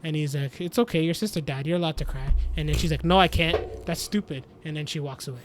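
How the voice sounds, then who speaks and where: A man's voice: fairly high pitch, fast talker, background noise. A young man hosting a casual podcast, rambling through a recap with lots of "like" and "basically". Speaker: podcast host. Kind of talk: casual chat.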